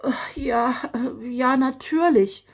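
A woman's voice: sits high, expressive, takes it slowly, voice pushed up. A woman voicing a proud, grumpy male fox who growls and sulks in a children's audio story. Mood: dazed. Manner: grumbling, sulky.

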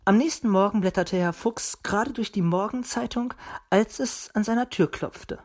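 A woman reads a children's story aloud in a lively, expressive way. Her voice sits at an ordinary middle pitch and moves through the narration with a clear storytelling rhythm. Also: moderate pace.

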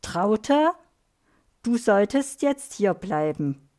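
A woman's voice: medium pitch, very animated, drawn-out words, warm tone. A woman voicing a serious, kindly female guardian spirit who speaks earnestly in a storybook.

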